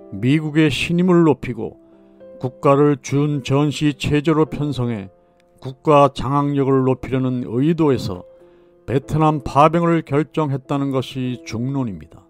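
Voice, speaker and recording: A man gives a steady, solemn documentary narration at a mid-range pitch. His delivery is measured and scripted, like a channel voice-over. Soft music plays faintly underneath. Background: faint background music.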